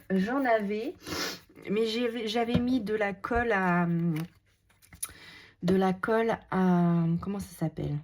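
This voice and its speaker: This scrapbooking crafter, who has a cold, speaks at medium pitch with a darkish tone, taking things slowly and pausing often over slight background noise. She chats through the page demonstration as she works, quietly making self-deprecating remarks to herself.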